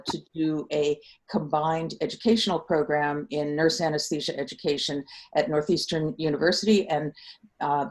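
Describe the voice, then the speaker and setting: A woman interviewing colleagues on a video call, asking brisk, friendly questions with fillers. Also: low-pitched, darkish tone.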